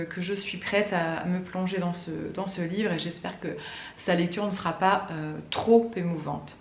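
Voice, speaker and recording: Woman book vlogger, casual chatty delivery full of fillers, recorded in an echoey room. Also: on the low side. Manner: chatty, many fillers and restarts. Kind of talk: casual chat to camera. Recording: echoey room with faint ambient noise.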